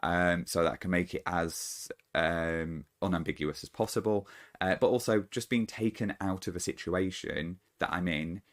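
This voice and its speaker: A man with a low-pitched voice hosts his own channel, talking solo to camera without a script. He is thoughtful and halting, often restarting his sentences.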